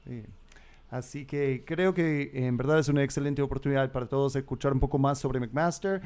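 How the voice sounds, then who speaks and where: Smooth-voiced man hosting a fair. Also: medium pitch, fast. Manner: warm, hesitant, repeats phrases. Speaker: counselor hosting a university fair. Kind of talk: introducing a guest. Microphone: video call.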